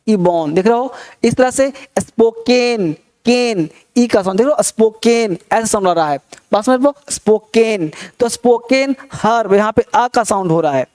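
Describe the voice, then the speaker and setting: A man teaching English pronunciation, repeating each word slowly so learners can say it along. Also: high-pitched, a little mellow. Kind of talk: classroom lesson.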